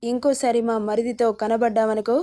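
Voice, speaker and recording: A woman's voice: fairly high pitch, level tone, normal speed, warm tone, close to an everyday voice. A woman voicing a haughty sister-in-law who taunts and threatens a maid. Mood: scornful.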